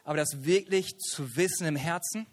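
A man preaching a lively sermon, telling a personal family story and acting it out with rising, shouted lines. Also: a little high, moderate pace. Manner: animated, acts out family voices, rises to shouts.

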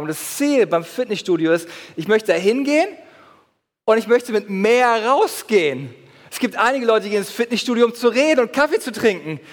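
High-voiced preaching man, reverberant hall. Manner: animated preaching with acted-out gym anecdotes. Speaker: pastor. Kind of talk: sermon.

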